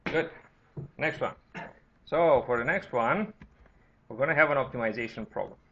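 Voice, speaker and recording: A Romanian man with a Romanian accent lectures informally as a university teacher, frequently checking in with "right?" and "okay?". He speaks at a moderate pace in a medium-pitched, slightly bright voice. The lecture recording is dull and lo-fi.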